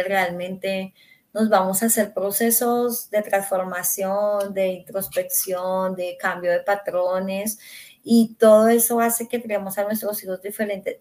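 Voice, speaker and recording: A woman in an interview speaks as a parenting coach. Her voice sits at an ordinary middle pitch. She talks reflectively and keeps turning to everyday examples. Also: fairly even intonation, unhurried, darkish tone. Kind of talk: podcast interview conversation.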